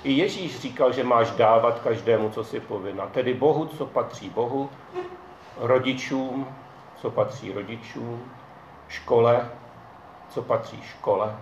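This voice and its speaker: A hushed divine spirit speaking comfort in a quiet, reassuring way, as a male storyteller puts it on. The voice sits in a roomy, muffled space. A faint ambience hums behind it. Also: medium pitch, slight background noise, lightly acted. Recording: dull echoey room, faint ambience.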